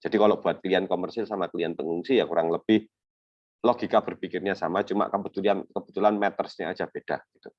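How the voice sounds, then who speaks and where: A rumbling low voice with no echo comes from a young man giving an academic webinar presentation on refugee law. He explains conversationally, sprinkling in many fillers and invented examples. It is recorded over a video call with dull, lo-fi sound.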